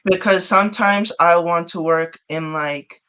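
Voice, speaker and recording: A man's voice: fairly high pitch, unhurried, sharp tone, a little hiss or hum. A man from Chicago, a guest artist and rapper, chatting casually in an interview with frequent giggles.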